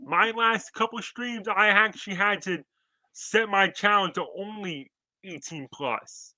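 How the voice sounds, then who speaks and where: A man's voice: high voice, a little slow, bright, forceful tone, no echo, poor audio. A man in his twenties co-hosting a podcast over a video call, rambling casually and laughing often. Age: 20s. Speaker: podcast co-host.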